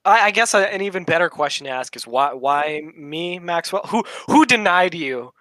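A man's voice: a little high, expressive, moderate pace, bright, forceful tone, no room sound. A man from South America, a podcast guest, chatting casually and teasing the hosts with frequent laughter. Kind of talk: casual chat.

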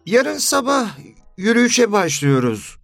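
A chatty middle-aged housewife with a lively, sing-song delivery, as a male narrator puts her on, raised well above his usual pitch. She speaks briskly and practically, getting straight to the point. Her lines sit within a dry, close storytelling read. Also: creaky, dry recording, soft background music, full character voice. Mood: plain.

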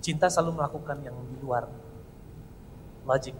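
A man's voice: mid-range voice, fairly even intonation, normal speed. A man giving an earnest, heartfelt personal testimony to an audience in a large hall. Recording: reverberant hall with faint noise.

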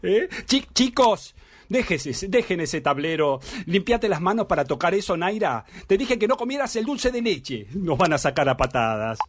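A frantic wife with an Argentine accent, played by a man reading a theatre monologue, scolds and begs her runaway husband, stumbling over her words. Her pitch swings wildly up and down, and the tone is husky. The sound is dry and close. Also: big pitch swings, normal speed, dry recording. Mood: anxious, pleading. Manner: pleading, exasperated, scolding, stammering.

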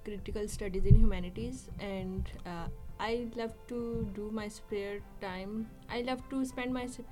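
A woman student speaking English haltingly and gently in an interview, about her family and new home city. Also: medium pitch, steady tone, music in the background. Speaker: master's student. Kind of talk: interview conversation.

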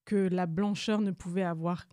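Young woman museum guest, hesitant with many fillers, warm dark voice, close dry recording. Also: lowish voice, fairly even intonation, moderate pace, no echo. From Rwanda. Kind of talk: interview answers.

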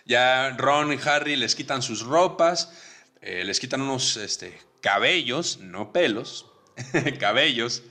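A man with a Mexican Spanish accent co-hosting a podcast. He rambles through a casual film recap, full of hesitations and quick acted-out quotes. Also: medium pitch, lively intonation, pushed and bright. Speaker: podcast co-host. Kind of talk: casual movie recap chat.

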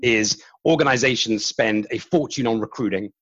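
A man's voice: medium pitch, normal speed, a bit bright, no room sound, dull audio. A male podcast guest and company chief executive, answering interview questions in a casual, self-deprecating way with fillers and restarts.

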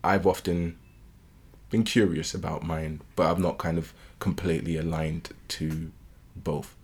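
Deep-voiced British man, reflective. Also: little pitch movement, unhurried, a little mellow, husky. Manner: curious, probing, reflective. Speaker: podcast co-host. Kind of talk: casual chat.

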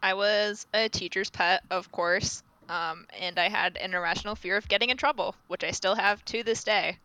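A young woman in her twenties co-hosts a casual podcast, telling childhood stories in a chatty, animated way. Her voice is bright and sharp, and it sounds dry and close to the mic. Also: medium pitch, normal speed, no echo, rough recording. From Rhode Island. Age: 20s. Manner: chatty, many fillers, animated storytelling. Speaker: podcast co-host. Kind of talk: casual chat.

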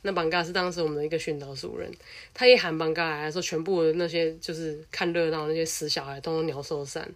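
This low-voiced young woman talks fast as she relates a personal anecdote in her Taiwanese Mandarin accent. She keeps it blunt, casual and energetic, swearing freely along the way.

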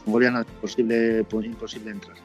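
A man from Spain chatting casually and telling lively stories about his motorcycle trip. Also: on the low side, quick pace, lo-fi sound, soft background music. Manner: lively storyteller, swears casually. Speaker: motorcycle traveler guest. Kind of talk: casual chat.

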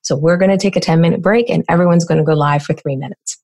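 An American woman answering interview questions as a business coach, explaining in a brisk way with lots of rhetorical questions. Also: on the low side, a little mellow. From United States.

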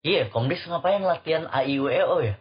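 A man's voice: on the high side, expressive, a little fast. A young man chatting casually in slang and laughing often. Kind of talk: casual chat. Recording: dull lo-fi recording.

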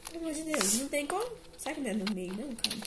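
A young woman rattles off quick, slightly high remarks while gaming. She is jumpy and bossy, quick to tease, and the recording is buried under heavy background noise. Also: animated. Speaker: gamer. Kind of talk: casual let's-play chat.

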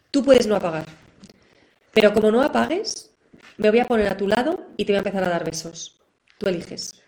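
A woman's voice: mid-range voice, poor audio. A middle-aged woman, teaching parents in a live online class in an encouraging manner. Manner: warm, encouraging, acts out examples. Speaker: parenting educator.

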